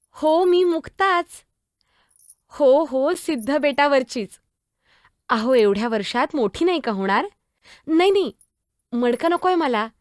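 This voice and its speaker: High, blunt young girl saint, devoted to her brothers, played by a woman in a solo stage drama; dry sound, faint music behind. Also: no echo. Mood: cheerful. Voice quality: blunt, sharp-tongued. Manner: pleading and expressive, speaks to unseen people.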